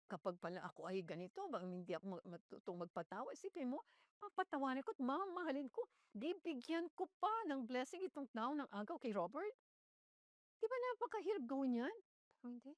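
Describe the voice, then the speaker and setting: Animated Filipino woman pastor preaching. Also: dry recording, clean studio sound. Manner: Tagalog-English code-switching, animated preaching with sudden high exclamations. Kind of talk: sermon.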